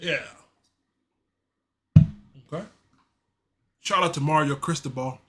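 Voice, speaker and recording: A man hosting a casual live-stream sports show, talking in a loose, slangy, animated way and reading chat messages aloud. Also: on the high side, slow. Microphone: streaming mic.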